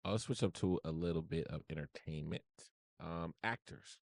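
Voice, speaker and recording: A man hosting a casual podcast, steering topics and chiming in with quick agreement. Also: low voice, gravelly, dry recording. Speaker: podcast host running the segments.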